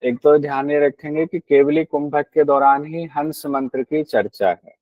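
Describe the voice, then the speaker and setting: A man's voice: a little high, fairly even intonation, moderate pace, dry recording, dull audio. A man teaching a class on a yoga text, explaining patiently, repeating key points and asking his students questions.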